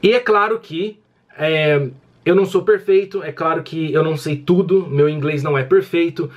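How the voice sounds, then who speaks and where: A man's voice: a little high, normal speed, lo-fi sound. A Brazilian man in his thirties, a gaming YouTuber, ranting casually and emphatically to his viewers. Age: 30s. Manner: exasperated, emphatic, repeats himself. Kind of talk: casual vlog rant to camera.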